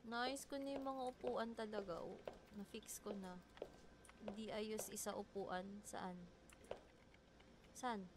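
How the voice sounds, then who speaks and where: A woman's voice: medium pitch, fairly even intonation, slow pace, long pauses, background noise. A woman playing a horror game, chatting casually and reading the story text aloud. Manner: chatty, reads story text aloud, yelps when startled. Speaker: gaming streamer. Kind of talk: horror game let's play.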